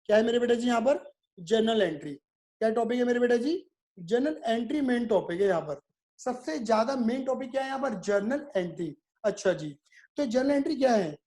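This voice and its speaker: A man's voice: extremely high pitch, animated, brisk, a little mellow. A male commerce teacher giving a video lecture. He asks questions, answers them himself, repeats key terms and calls his students "my son". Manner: repetitive, drilling terms.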